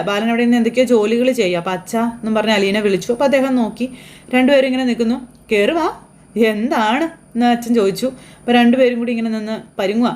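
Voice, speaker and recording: A woman's voice: mid-range voice, a little mellow. A woman from Kerala chattily recapping a TV serial episode, often adding tag questions for her listeners. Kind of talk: casual spoken story recap.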